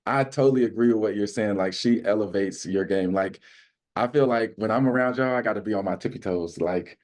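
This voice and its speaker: Enthusiastic low-voiced man from Arizona. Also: fairly quick, darkish tone. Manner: enthusiastic, storytelling, exclamatory. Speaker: community minister. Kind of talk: casual podcast chat.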